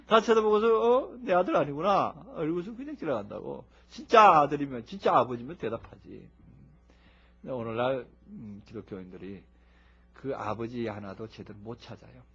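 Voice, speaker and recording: A man preaching a sermon in a lively, humorous way, acting out people who shout as they pray. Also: mid-range voice, normal speed, breathy edge. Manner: animated, humorous, acts out shouting worshippers. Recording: dull lo-fi recording.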